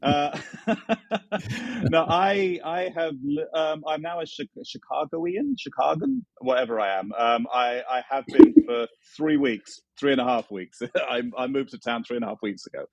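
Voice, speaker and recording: A man with a London English accent, talking casually and haltingly as an interview guest. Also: medium pitch, expressive, darkish tone, dry recording, dull audio. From London, England. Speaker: music director and vocal teacher.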